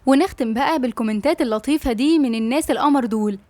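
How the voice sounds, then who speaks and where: Rapid-talking Egyptian woman narrator. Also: high-pitched, darkish tone, no room sound. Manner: affectionate, rapid, chatty. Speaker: audiobook narrator and channel host. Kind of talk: reading a novel aloud with chat.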